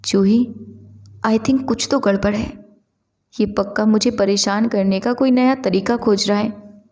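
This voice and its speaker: A woman's voice: medium pitch, steady tone, measured pace, a little mellow, close to an everyday voice. A woman voicing a pleading, easily flustered young woman in a story. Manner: pleading, exasperated.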